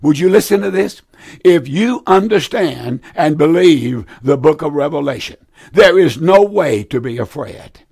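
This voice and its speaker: A man's voice: a little high, expressive, unhurried, vocal fry, a little mellow, husky, no room sound, clean studio sound. A man preaching and taking calls on a live Bible show, with a weak, strained voice worn from preaching and an earnest, folksy, repetitive way of exhorting. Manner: earnest, plain folksy exhortation with repeated phrases.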